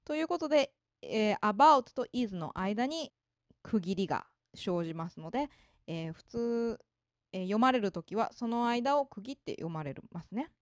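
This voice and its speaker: A woman giving a polite, explanatory spoken lesson on English, slowing down to read out example sentences. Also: medium pitch, animated, dry recording, studio quality. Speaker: English teacher.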